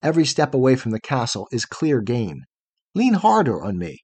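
A man voicing a brave, gentle young woman of the night who coaxes and protects her frightened companion. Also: mid-range voice, normal speed, breathy edge, dry recording. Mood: coaxing. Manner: calm, coaxing, protective.

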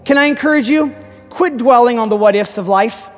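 A man pastor preaching an animated sermon, rising to shouts. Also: extremely high pitch, brisk, faint music behind. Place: church hall. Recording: reverberant church hall.

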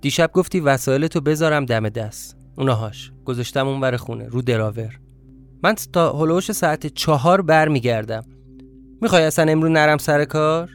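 A man's voice: a little high, soft background music, natural voice. A man voicing a kind, affectionate young woman who coaxes fondly, in a story reading. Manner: warm, coaxing, fond.

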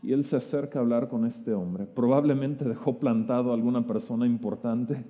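A man's voice: mid-range voice, steady tone, fairly quick, lo-fi sound. A man preaching a sermon, retelling the story vividly with stammered restarts. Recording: long reverb of a hall.

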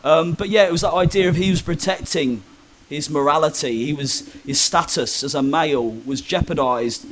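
A young man appears as an interview guest, telling personal stories candidly in a conversational way, though he's hesitant, with lots of ums and restarts. His voice is a little high and his speed normal, with a noisy background.

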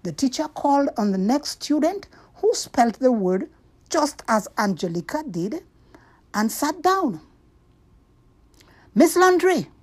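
A woman narrating a scripted story for children, with deliberate, expressive delivery. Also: high-pitched.

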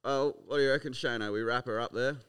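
A man's voice: medium pitch, fast, fairly bright tone, smooth. An Australian man co-hosting a casual podcast, chatting in a matey, slangy, sweary way. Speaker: podcast co-host. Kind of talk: casual live podcast chat.

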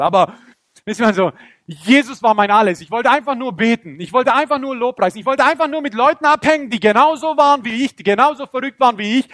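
Animated young preacher. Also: male voice, sits high, no echo, clean studio sound. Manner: animated storytelling, acts out scenes, voice climbs when excited. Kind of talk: sermon with personal testimony.

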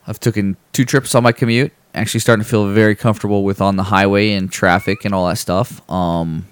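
Low-voiced man telling a rambling story. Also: brisk, clear, resonant tone, dry recording. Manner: relaxed and rambling, with many fillers and restarts; acts out people's lines in a raised voice when telling stories. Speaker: podcast host. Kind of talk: casual chat, storytelling.

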